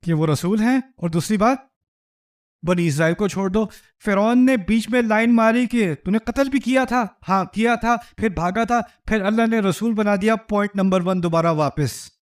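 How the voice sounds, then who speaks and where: Brief: high-pitched male lecturer, witty storyteller, conversational sermon with rhetorical questions. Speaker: Islamic lecturer. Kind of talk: humorous religious lecture.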